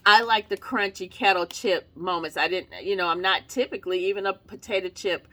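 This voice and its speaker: A woman from North Carolina talks through a product review in a casual vlog. Her voice is bright and forward, and she teases the subject playfully, often breaking into laughter mid-sentence. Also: medium pitch, fairly quick. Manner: playful, teasing, laughs often while talking. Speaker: marketing consultant reviewing a product.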